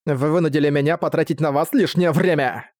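Haughty cruel young villainess voiced by a man, cold, scornful, spits her words, a bit high, dry close sound. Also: brisk, darkish tone, no echo, lightly acted. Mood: furious. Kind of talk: audiobook character voice.

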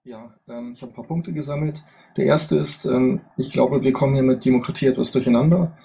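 A man speaking from the audience at a panel discussion, making his points in a measured, orderly way. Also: mid-range voice, steady tone, gravelly, dark tone, slightly rough. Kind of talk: spontaneous debate statement.

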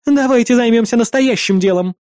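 An audiobook reader voicing a proud young woman mage who speaks briskly and a bit wryly. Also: medium pitch, a little mellow, no room sound, clean studio sound, voice pushed up, lightly acted.

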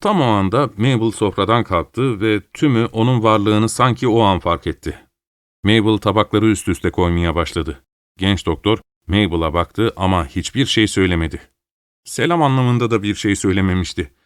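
Low-voiced man narrating a novel. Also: normal speed, no echo, clean studio sound. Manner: raises pitch for dialogue, steady narration between. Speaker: audiobook narrator. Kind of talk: scripted narration of a novel, voicing all characters.

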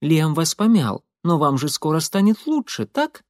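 A man's voice: a little high, big pitch swings, a little mellow, no echo, studio quality, voice pushed up. A man voicing a bold, bossy young woman. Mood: insistent. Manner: brisk, matter-of-fact, commanding. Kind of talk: audiobook character voice.

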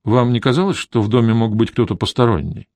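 A man reading an audiobook, voicing a persistent male private detective who questions calmly and insistently. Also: medium pitch, fast, no room sound, natural voice.

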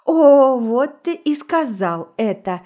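A woman reading aloud puts on a jealous young woman close to hysteria. Her voice pitches high and loud, shrill and accusing, pushed well above the calm narration. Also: normal speed, close to an everyday voice. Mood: shrill, angry. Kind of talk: audiobook reading of a story.

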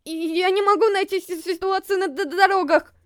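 A woman's voice: extremely high pitch, fairly even intonation, normal speed, a bit bright, voice pushed up. Iris, a stammering timid robot girl, as a woman puts her on. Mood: confused. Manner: stammers in panic. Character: timid stammering young female robot housemaid. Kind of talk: storybook reading.

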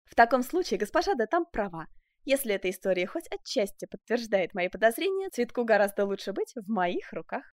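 A woman doing an imperious noblewoman of the French court, quick to exclaim and rising high in her voice. She is eager and jealous, and the storybook reading sits in a dry, close sound. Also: sing-song, no room sound. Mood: suspicious. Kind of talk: audiobook character voice.

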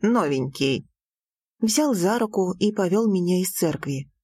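A woman narrating a first-person audiobook romance in a soft, even storytelling manner. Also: medium pitch, normal speed, husky, dry recording, clean studio sound.

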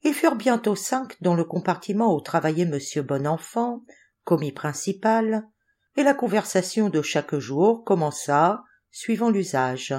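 A woman narrating a classic short story as an audiobook, in an expressive, measured way. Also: lowish voice. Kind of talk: literary audiobook reading.

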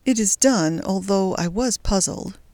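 A frightened young woman, played by a reader, whose words come low and hesitant, with a touch of lift in the pitch. The sound is close and dry, like a storybook reading. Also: unhurried, mellow, dry recording, close to an everyday voice. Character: young Belgian woman, anxious and fearful. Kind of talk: audiobook character voice.

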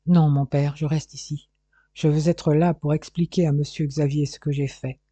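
Man reading cold proud young woman, bitter and firm, husky dark voice, dry dull audio. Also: on the high side, flat delivery, normal speed, dry recording, close to an everyday voice.

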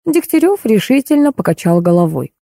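A woman narrating an ironic detective novel in the first person, wry and even. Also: on the high side, fairly quick, creaky, no room sound, studio quality. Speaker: audiobook reader.

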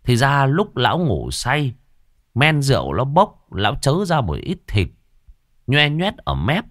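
A man's voice: mid-range voice, wildly swooping pitch, unhurried, fairly bright tone, dry recording, studio quality. A man telling an earthy, crude comic village story.

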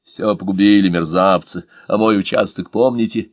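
A man reading an audiobook and voicing a gruff former police officer. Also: low voice, steady tone, moderate pace, dry recording, natural voice. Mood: grumbling.

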